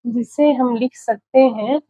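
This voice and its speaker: A woman with a slightly high, warm voice speaks slowly and fairly evenly, writing out example words for an exam-prep spelling lesson and repeating each one several times. She checks in with the students and calls them "बच्चे", in a dry, dull lo-fi recording.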